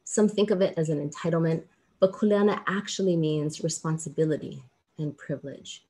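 A middle-aged woman from Hawaii, a law professor giving a formal commencement speech over a video call, earnest and measured with emphatic pauses. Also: deep voice, darkish tone. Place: indoors, small room with plain backdrop.

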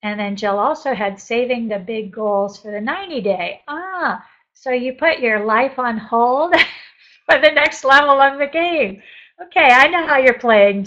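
A woman in her sixties, speaking in a high, slightly bright voice on a lo-fi recording, coaches a group over a live webinar from a home office with bookshelves. Upbeat and encouraging, she reads chat messages aloud, responds to them, and laughs often.

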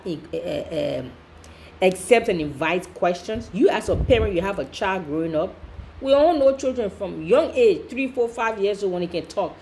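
A woman's voice: on the low side, darkish tone, slight background noise. A woman host giving emphatic, repetitive reaction commentary, preaching about questioning things.

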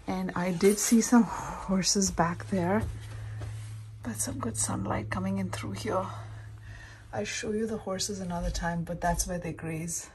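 A middle-aged woman from India talks into her phone held at arm's length, rambling in a relaxed, chatty way full of fillers and restarts. The phone video picks up clear background noise from a car and the outdoors. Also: mid-range voice. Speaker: vlogger. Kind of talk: casual travel vlog. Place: outdoors, in a car and in a small cottage. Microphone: phone camera at arm's length.

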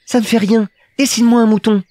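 A man voicing a small, earnest and curious boy prince in an audiobook, speaking high and insistently. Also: flat delivery, quick pace, a little mellow, slight background noise, natural voice.

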